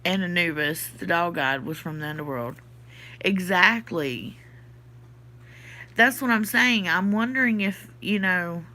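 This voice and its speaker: A Southern US woman with a Southern accent, her voice on the low side and stuffy from her sinuses, chats casually on a livestream. Speaking at a measured pace with a pushed, bright tone, she hosts a podcast and reads out and answers comments from her live chat.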